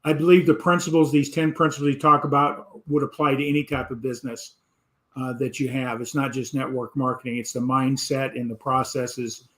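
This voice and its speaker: An older man hosts a business talk show in a flat, even tone. His voice sits at a middle pitch. He speaks steadily and pauses on fillers. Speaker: host.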